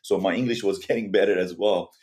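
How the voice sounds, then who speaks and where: Low-voiced Iranian-born man telling his story. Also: fairly even intonation, darkish tone. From Iran. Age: 40s. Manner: earnest, halting, with frequent restarts. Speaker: guest. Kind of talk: personal story in a podcast interview.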